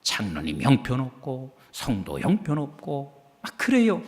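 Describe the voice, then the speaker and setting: A man preaching a sermon as pastor, emphatic, calling on the congregation for amens and swinging between hushed and loud delivery. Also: medium pitch, huge pitch swings, a little slow. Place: church sanctuary. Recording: long reverb of a church hall.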